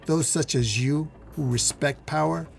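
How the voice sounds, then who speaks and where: A man doing the Infernal Hulk, gravelly and slow. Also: fairly high pitch, soft background music. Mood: menacing. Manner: slow, growling, gloating. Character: Infernal Hulk, huge menacing ancient male monster.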